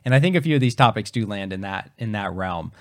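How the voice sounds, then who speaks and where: A podcast co-host with a low, expressive voice talks fast in a casual chat, explaining things step by step with many fillers and restarts. His voice is just recovering after he lost it.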